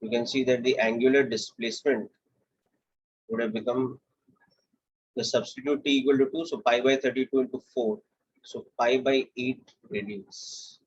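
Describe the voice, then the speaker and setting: A man's voice: mid-range voice, normal speed, husky, lo-fi sound. Man with an Indian accent teaching physics. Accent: Indian English. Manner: steady, explanatory, walks through steps aloud. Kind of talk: classroom lecture.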